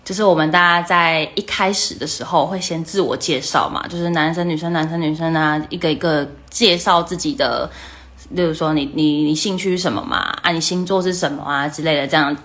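A young woman with a Taiwanese Mandarin accent hosts a livestream, telling a story casually. Her voice sits a little low. She tells it in a lively way and jumps into the other people's voices as she quotes them. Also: fairly quick. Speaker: livestream host.

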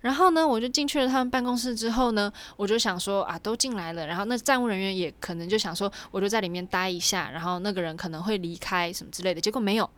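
A young woman casually telling a personal story, animated and chatty with lots of fillers. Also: mid-range voice, quick pace, few pauses. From Taiwan.

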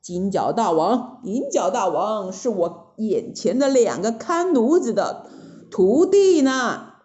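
A woman voicing a calm, kindly old deity grandfather in a children's story, speaking slowly and good-naturedly. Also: medium pitch, dull audio.

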